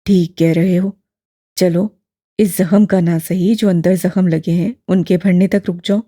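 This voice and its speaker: A woman narrating an audiobook voices a kindly elderly imam, calm and patient, who speaks gently in a steady, fatherly manner. The voice is low and dark with a husky edge, recorded close and dry on the mic with no echo.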